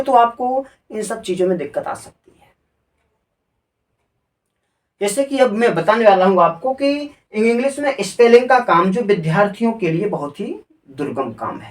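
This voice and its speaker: A man's voice: sits high, reverberant, recorded from a distance. Man teaching grammar, off-mic. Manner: spells words out letter by letter and asks rhetorical questions. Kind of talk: classroom lecture.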